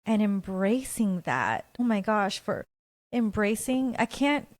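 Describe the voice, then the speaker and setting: A woman's voice: mid-range voice, big pitch swings, slow, dry recording. Earnest woman podcaster, dry close sound. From Guatemala. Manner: earnest, reflective, openly personal. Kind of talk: personal solo monologue.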